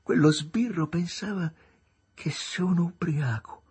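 A man's voice: fairly high pitch, slow pace, a little mellow, breathy edge, voice pushed up, heavily acted. A man voicing a proud young sailor, dazed with love, who laughs with tipsy bravado. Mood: musing.

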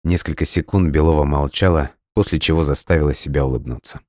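A man reading a novel aloud as audiobook narrator, in a steady, even storytelling manner. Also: very deep voice, quick pace, dry recording, clean studio sound. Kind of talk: scripted narration.

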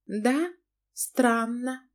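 Brief: woman reader doing a high, brusque, haughty young wife; audiobook reading. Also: drawn-out words. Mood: blunt. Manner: brusque, mocking.

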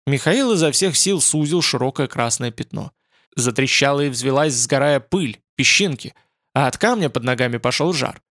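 A man narrating a fantasy audiobook in an expressive, lively reading. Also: mid-range voice, no echo, studio quality.

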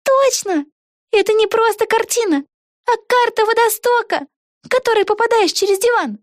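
Женщина озвучивает юную восторженную ведьмочку Вегу. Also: female voice, extremely high pitch, animated, no echo, studio quality, voice pushed up. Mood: eager. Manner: fast, breathless, exclaiming. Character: excitable young girl witch, clever and eager.

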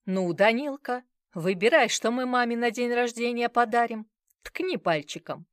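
A woman's voice: a little high, normal speed, dry recording, studio quality, pitched above the performer's own voice, natural voice. A woman reading an audiobook voices a doting grandfather who talks in a teasing, jokingly instructive way. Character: doting, bossy grandfather holding toddler.

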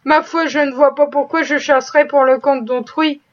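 Woman reading as a gruff kindly farmer. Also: sits high, steady tone, normal speed, close to an everyday voice. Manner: gruff, blunt, swearing. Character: rough, kind-hearted male farmer, older. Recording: dull lo-fi recording.

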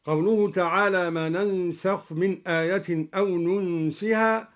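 A man teaching Quranic recitation variants, alternating measured explanation with chanted verses. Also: sits high, fairly even intonation.

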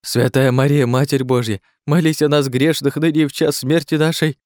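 Man voicing a shrill panicky coward. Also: a little slow, no echo, studio quality, natural voice. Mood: frantic praying. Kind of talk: audiobook character voice.

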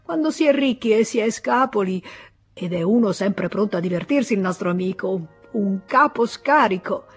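A woman voicing a jovial middle-aged country doctor and husband, chatty and loud when he calls out. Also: mid-range voice, animated, moderate pace, husky, soft background music. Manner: chatty, calling out loudly.

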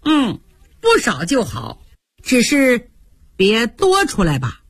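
A woman voicing a sharp-tongued, shrewd young noblewoman who gives brisk, teasing orders, with a husky voice. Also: fairly high pitch, huge pitch swings, no room sound, clean studio sound, exaggerated voice. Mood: probing.

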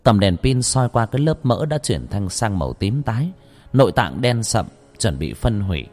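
A man narrating a ghost story in a dramatic, expressive storytelling manner. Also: on the low side, normal speed, soft background music.

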